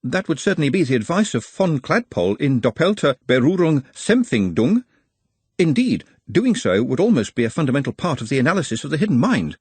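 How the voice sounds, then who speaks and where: A man's voice: on the high side, very animated, brisk, darkish tone, breathy edge, no room sound, voice pushed up. Man doing an anxious, formal young goblin. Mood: earnest, worried. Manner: formal and precise, stutters slightly.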